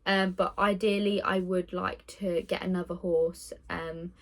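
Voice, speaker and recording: A nineteen-year-old vlogger chats casually in a get-to-know-me video, rambling with plenty of ums and small laughs. She speaks unhurriedly in a fairly low voice with little pitch movement, recording on her phone indoors with the window open.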